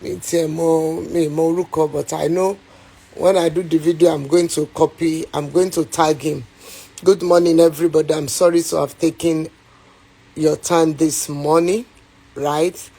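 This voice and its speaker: A woman's voice: low voice, level tone, normal speed, warm tone, breathy edge. A woman with a Nigerian accent, an actress on a phone livestream, ranting with heat and pleading again and again for viewers to share. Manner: repetitive, pleading, heated, mixes in Yoruba. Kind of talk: angry livestream rant.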